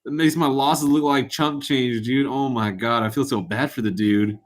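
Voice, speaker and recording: A man's voice: mid-range voice, fairly even intonation, unhurried. A man chats casually in a mid-range voice, rueful and laughing often. He drops bro and dude into nearly every line. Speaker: Discord voice chat participant. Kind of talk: casual chat.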